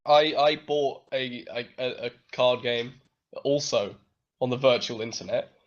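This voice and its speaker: A man's voice: medium pitch, a little slow. A young man on a podcast, dropping dry, short remarks in casual chat. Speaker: podcast regular. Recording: dull lo-fi mic.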